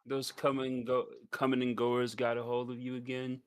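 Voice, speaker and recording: A man's voice: mid-range voice, completely flat delivery, normal speed, very noisy. A man playing a character in a casual tabletop game, talking in a laid-back, slangy way. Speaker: player. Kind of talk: casual tabletop role-play.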